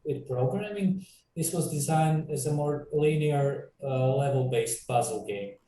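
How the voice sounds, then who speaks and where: A man's voice: medium pitch, unhurried, warm tone, echoey room, far from the mic, slight background noise, low-quality recording. A man from Croatia, a game developer, talking casually in an interview with many fillers and restarts.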